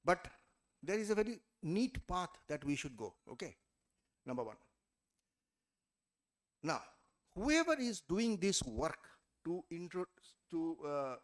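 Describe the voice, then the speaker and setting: A man giving a classroom lecture on group discussion skills, emphatic, counting off points and checking in with "okay?". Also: fairly high pitch. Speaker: trainer. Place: college event hall or classroom.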